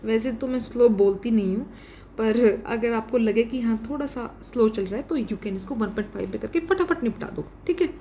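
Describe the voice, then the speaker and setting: A young woman with an Indian English accent teaches exam vocabulary in a relaxed, chatty lesson. Her voice sits a little high, and she keeps checking in with the listener as she explains. Faint noise hums under the recording. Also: normal speed. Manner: explains vocabulary with examples, frequent "ठीक है" fillers. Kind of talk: casual Hinglish lesson.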